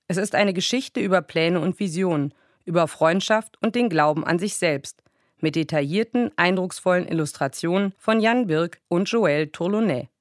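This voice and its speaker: A woman presenting a scripted book review on the radio in an even, measured way. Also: on the low side, no echo, studio quality.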